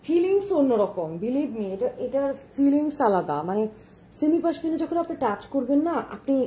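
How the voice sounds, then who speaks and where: On a live stream, a woman selling shawls online shows off her wares, chatting away, repeating herself, and urging viewers to look closely while mixing English words into her speech. Her voice is slightly high and mellow, with a faint hiss or hum.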